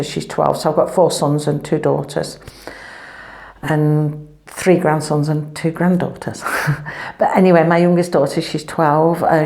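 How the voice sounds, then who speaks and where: A deep, creaky, dark-toned woman's voice echoes through an empty room at home as she chats and rambles casually for her family vlog, recorded on a clip-on mic.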